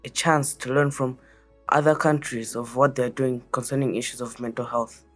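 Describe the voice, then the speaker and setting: Low-voiced teenage girl from Malawi. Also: steady tone, normal speed, slightly rough, soft background music. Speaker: child guest. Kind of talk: interview answers.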